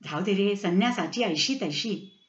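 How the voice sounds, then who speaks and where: A woman voicing a reserved middle-aged wife who speaks quietly, in a slightly dull, roomy recording. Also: medium pitch, lively intonation, a little slow, lightly acted. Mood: subdued.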